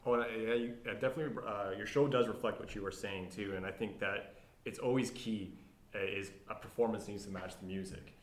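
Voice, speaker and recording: A man's voice: fairly low pitch, fairly even intonation, brisk. A man hosting a casual interview, friendly and encouraging, telling a story between questions. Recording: echoey room.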